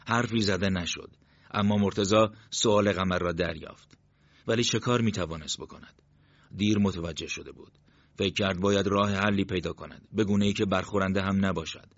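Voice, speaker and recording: A man with a fairly low voice reads a story in a steady, measured narration. The recording is dull and lo-fi, with a dry, close sound. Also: no echo. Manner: steady, measured literary reading. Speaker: audiobook narrator. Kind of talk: scripted narration.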